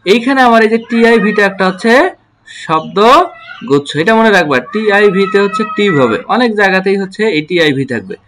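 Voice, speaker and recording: A man teaching English pronunciation in an online lesson. He spells words letter by letter, repeats them slowly and asks his students questions that he then answers himself. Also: sits high, expressive, a bit bright, a little hiss or hum.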